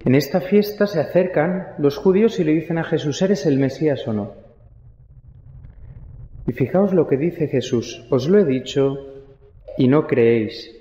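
A man's voice: on the high side, animated, unhurried, pauses often. Man, young, Spanish accent, priest's sermon, reflective asides, echoey church. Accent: Spain. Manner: reflective preaching with quiet rhetorical asides. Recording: echoey church, long reverb, dull sound.

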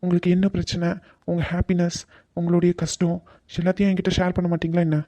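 An earnest young cartoon fiancé, voiced by a man, who pleads and gets easily flustered. His voice is high for a man, with a soft, mellow tone. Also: monotone, quick pace, dry recording, muffled recording, lightly acted. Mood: pleading. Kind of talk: cartoon voice acting.

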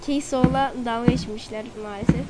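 A woman's voice: on the high side, steady tone, brisk. A woman doing let's play commentary who reads game dialogue aloud and has exasperated outbursts. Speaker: gamer. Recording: loud background noise.

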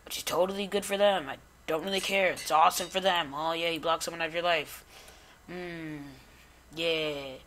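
A man's voice: fairly high pitch, slight background noise. Rambling young-sounding guy narrating gameplay. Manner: rambling, chatty self-talk with many restarts; quickly excited by small discoveries. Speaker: gamer recording gameplay. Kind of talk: casual gameplay commentary.

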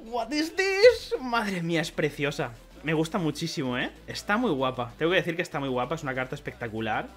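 A young Spanish-accented man from Spain talks fast with few pauses, his voice on the high side, over soft background music. Opening card packs in a vlog for his collecting channel, he chats and rambles, bursting into excited shouts and laughs.

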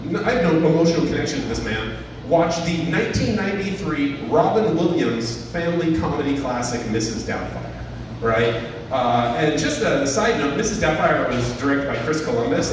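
A man in his thirties doing stand-up at an open mic, his talk full of fillers and rambling asides. His lively voice bounces around a roomy, echoey venue, picked up by a camera well back from the stage, with steady room noise underneath. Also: on the high side, brisk, far from the mic. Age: 30s. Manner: rambling, filler-heavy, self-deprecating delivery. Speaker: stand-up comedian. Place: small venue with a stage and audience. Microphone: handheld mic, filmed from a far camera.

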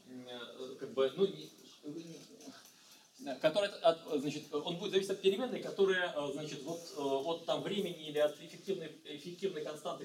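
A middle-aged man giving a university physics lecture, talking in a halting way with many fillers and restarts. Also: a little high, slight background noise. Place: lecture room. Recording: echoey lecture hall, mic far off.

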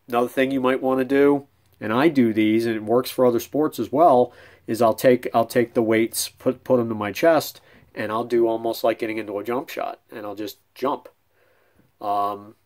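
Filming a casual instructional vlog in a small room at home, a middle-aged man who coaches bowling shares fitness tips, stumbling through frequent ums and restarts and gesturing with his hands to demonstrate. He speaks at medium pitch and normal speed, fairly evenly, with a slightly mellow tone.

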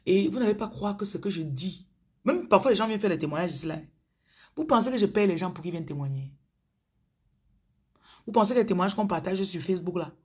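A woman with a Cameroonian accent speaks in a deeply husky, breathy voice. She preaches to her viewers over a phone stream in a chatty way. Her voice often sinks into low murmurs and whispers. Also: animated, fast, pauses often, a little mellow. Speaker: spiritual coach on a live stream.

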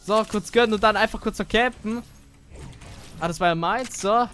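A man giving casual gaming commentary, excitable and chatty as he plays with a teammate. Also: high voice, moderate pace, faint music behind. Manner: excitable, swears casually, talks to teammate while playing. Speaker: gamer.

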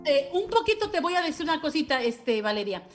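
A woman's voice: sits high, big pitch swings, brisk, music in the background. A woman voice teacher with a Mexican Spanish accent, giving patient masterclass coaching with affectionate diminutives and short sung examples.

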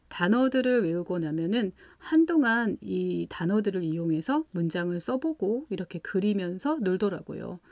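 A woman hosting a parenting channel, calmly explaining English vocabulary practice for young children step by step. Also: mid-range voice, no echo. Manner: calm, patient, explains step by step with examples. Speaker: parenting channel host teaching English at home.

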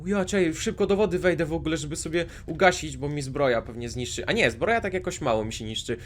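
Excitable high-voiced man gaming. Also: fast talker, a little hiss or hum. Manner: excitable, talks to viewers, jumpy outbursts. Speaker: gaming video host. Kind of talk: Minecraft let's play commentary.

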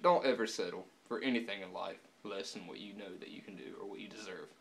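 A young man talking casually to camera with dip in his lower lip, laid-back and swearing often, filmed at home with the camera on a subwoofer. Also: quick pace, creaky. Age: young adult. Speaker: vlogger. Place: indoors, room at home.

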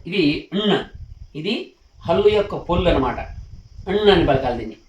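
A man with a fairly high voice teaches a classroom lesson patiently, repeating each point and checking that his listeners follow. He sounds as if he stands some way from the mic, and the room gives his voice a roomy echo. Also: expressive, brisk, dull audio, a little hiss or hum. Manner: patient, repetitive, asks questions to check understanding. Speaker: Telugu teacher. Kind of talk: classroom lesson on letter forms. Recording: echoey room, mic at a distance.

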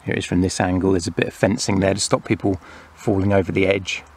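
A man casually narrating a toy playset review, explaining the features in a relaxed way. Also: sits low, fast talker, breathy edge.

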